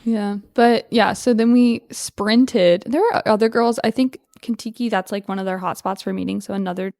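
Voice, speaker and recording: A young woman guest on a podcast, telling a story in a lively, chatty way with plenty of fillers and laughs. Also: medium pitch, moderate pace, dry recording, clean studio sound. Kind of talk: casual interview chat.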